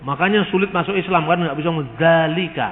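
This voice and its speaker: A man's voice: high-pitched, rapid-fire, slight background noise. A man giving a lecture, explaining words and asking rhetorical questions as he teaches. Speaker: lecturer on religious texts. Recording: tinny phone-like sound with long hall reverb.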